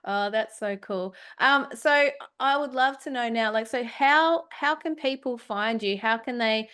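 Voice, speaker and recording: A woman hosts a relaxed podcast interview, cheering on her guest and piling on praise. Her voice is smooth and clear, and sits a little high. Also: unhurried. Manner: warm, encouraging, effusive praise. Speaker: podcast host.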